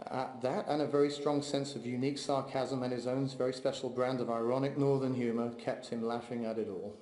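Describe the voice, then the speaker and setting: With a mid-range voice, a man reads a memorial eulogy for his father, heartfelt yet measured and steady. The recording comes from a large memorial hall and carries an echoey, long reverb.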